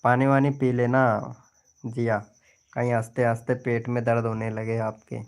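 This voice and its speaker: A man's voice: medium pitch, completely flat delivery, normal speed, darkish tone, clean tone. A young man hosting a casual live stream, chatting and teasing his viewers by name as he shows them his channel.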